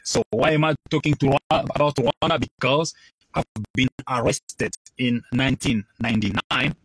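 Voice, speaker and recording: A man's voice: medium pitch, fairly even intonation, unhurried, slightly rough, dry recording, low-quality recording. A man from Congo with a Congolese French accent, giving a bilingual preaching address that switches between French and English, emphatic and repetitive. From Democratic Republic of the Congo.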